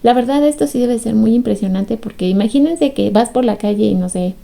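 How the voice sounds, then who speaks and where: A woman giving a casual recap commentary as a fan, amused, laughing often and acting out quoted lines in higher voices. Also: a little fast, creaky, dark tone.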